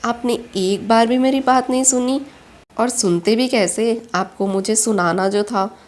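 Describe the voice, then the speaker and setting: A woman's voice: on the high side, fairly even intonation, measured pace, a little mellow, natural voice. A woman voicing a proud, hurt young female employee in a storybook reading, speaking in an indignant, reproachful way.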